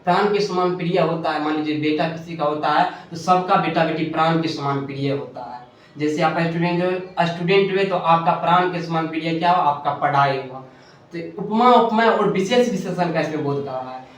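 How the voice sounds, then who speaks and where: Speaking a little fast in a voice on the high side, a man works through a Hindi grammar lesson at a classroom board, asking and answering his own questions and frequently correcting himself. The very echoey room, distant mic and faint hiss color the recording.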